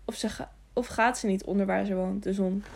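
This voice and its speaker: A woman's voice: medium pitch, steady tone, fairly quick, gravelly, a little hiss or hum, lightly acted. Woman putting on an eager childlike young fool. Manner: repetitive, pleading questions. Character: simple-minded young man, childlike, lonely and eager.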